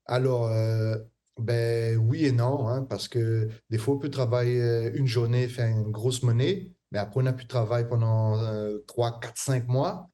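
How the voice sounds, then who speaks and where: Mellow-voiced man. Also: mid-range voice, fairly even intonation, unhurried. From Réunion. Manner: hesitant, many fillers and restarts. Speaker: guest artist. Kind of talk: casual interview answers.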